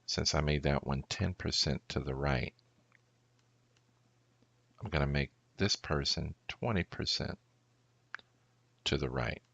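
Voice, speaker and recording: A man, a pastor, walking through an audio recording tutorial in a slow, deliberate way, thinking aloud step by step. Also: extremely low pitch, gravelly, fairly bright tone, dry recording, dull audio.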